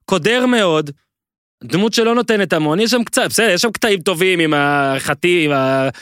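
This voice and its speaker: A man co-hosting a podcast, talking in a rambling, excitable way and gushing with repeats. His voice sits a little high, and the sound is close and dry, with no room echo. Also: clear, resonant tone. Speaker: podcast co-host. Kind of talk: casual chat.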